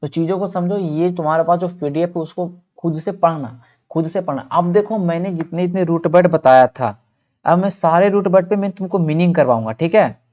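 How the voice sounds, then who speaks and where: A male teacher giving an online vocabulary lesson. He asks questions and answers them himself, and stretches words out slowly so listeners can repeat them. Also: fairly high pitch, a little mellow, highs cut off.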